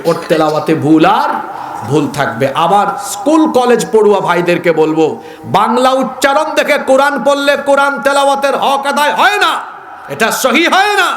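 A man's voice: very high-pitched, slight background noise. A man from Bangladesh preaching a sermon at a religious gathering, questioning the crowd and pushing them to answer aloud. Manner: exhorting, questions the crowd and asks for loud answers. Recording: echoey public address sound.

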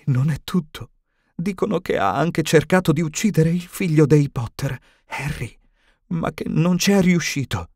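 A man's voice: big pitch swings, a little slow, no echo. Man voicing McGonagall, a shaken stern old professor. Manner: higher, shaken and indignant. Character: stern elderly female professor, anxious, tremulous.

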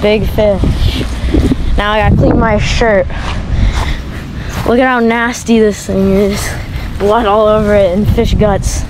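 Excitable teen boy fishing vlogger. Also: high-pitched, slow pace, noisy background. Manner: excitable, exclaims often. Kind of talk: excited casual fishing commentary. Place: outdoors by a lake.

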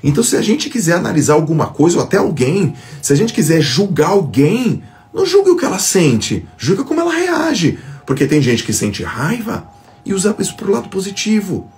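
A man's voice: high voice, huge pitch swings, a little fast, a little mellow. A man giving an emphatic motivational talk to followers on a phone live stream, acting out quoted thoughts.

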